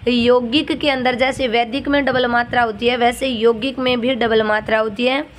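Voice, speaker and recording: A woman's voice: fairly high pitch, fairly even intonation, normal speed, slight background noise. A woman teaching Hindi grammar for an exam, drilling each word by repeating its correct and wrong forms. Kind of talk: exam-prep lesson.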